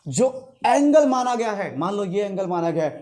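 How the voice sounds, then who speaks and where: A man's voice: high-pitched, very animated, moderate pace, a little mellow. A male teacher giving a classroom lecture, quizzing his students in call-and-response and repeating key terms to stress them.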